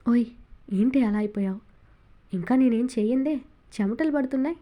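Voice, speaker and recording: A woman voicing a teasing, quick-tempered young man in a romance audiobook, her reading lightly shaded. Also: fairly high pitch, warm tone, lightly acted. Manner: teasing, scolding.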